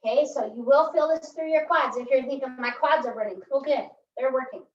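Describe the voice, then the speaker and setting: A pilates instructor with a high voice leads a core workout a little fast, sounding chatty and upbeat. She counts reps aloud while exercising and often asks "right?" The recording is muffled and echoey, with her far from the mic.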